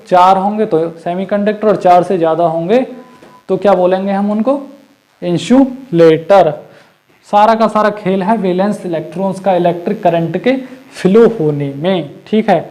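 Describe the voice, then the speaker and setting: A man with a high, mellow voice gives an exam-prep physics lecture. He keeps asking his class questions and answering them himself. He repeats the key terms over and over. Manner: mixes Hindi with English terms. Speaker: teacher.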